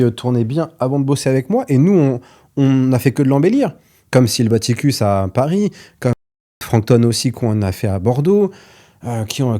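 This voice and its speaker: A blunt male business coach speaking straight to camera in a mid-pitched, mellow voice. His delivery is chatty and frank, peppered with casual swearing. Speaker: business coach for gym owners. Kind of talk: direct-to-camera advice video.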